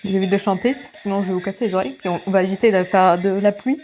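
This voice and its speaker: A woman's voice: medium pitch, steady tone, fast talker, darkish tone. A woman vlogging her day in casual chat, with a sore throat, often dropping to a whisper. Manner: chatty, often drops to a whisper. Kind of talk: casual daily vlog chat.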